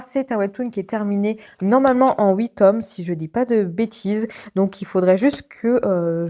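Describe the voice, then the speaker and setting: A young woman from Belgium talks casually to her viewers about her reading. She speaks at a middle pitch, with plenty of small hesitations, and she giggles often. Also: mellow. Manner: chatty, many hesitations, frequent giggles. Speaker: book vlogger. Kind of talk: casual vlog chat.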